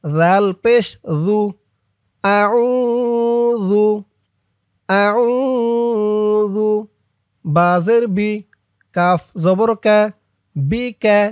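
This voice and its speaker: Male prayer teacher, high voice, slow measured delivery, patient drills, dry close-mic recording. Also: clear, resonant tone, no room sound. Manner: patient, repeats each syllable for viewers to follow. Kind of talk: spelling-out lesson of a prayer.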